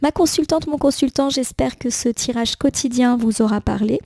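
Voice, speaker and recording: A woman with a cold gives a gentle, reassuring daily tarot reading, thinking aloud with small fillers. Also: a little high, normal speed, vocal fry. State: has a cold. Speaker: tarot card reader.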